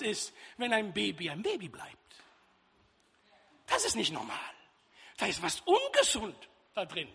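A man preaching a sermon in a church hall, lively and jokey with loud outbursts. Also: extremely high pitch. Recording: reverberant hall.

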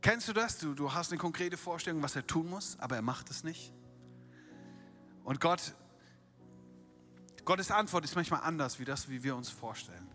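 Animated, bright-voiced male preacher. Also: fairly high pitch, normal speed, pauses often, faint music behind. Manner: animated storytelling, acting out quotes, rhetorical questions. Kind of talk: sermon.

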